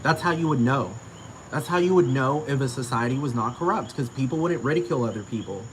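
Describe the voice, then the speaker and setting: A man's voice: medium pitch, animated, fast, slight background noise, poor audio. A man ranting to camera in a casual, profane, heated way, repeating himself.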